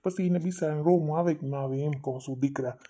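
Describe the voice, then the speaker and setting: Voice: mid-range voice, fast, warm tone, close to an everyday voice. A performer playing a stern old village father who lectures his family. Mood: soothing. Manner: lecturing, scolding. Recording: dull lo-fi recording.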